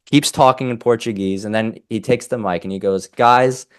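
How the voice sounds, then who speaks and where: A young man talks through fight analysis in a casual co-host chat, opinionated and animated. His voice is on the lower side and smooth. The sound is close and dry, with no room in it. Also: brisk, dry recording. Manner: animated, opinionated, self-interrupting. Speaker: MMA podcast co-host.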